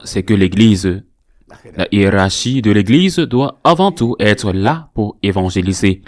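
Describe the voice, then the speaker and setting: A man, a priest, reading scripted commentary on current events in a measured way, repeating phrases for emphasis. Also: fairly low pitch, a little mellow.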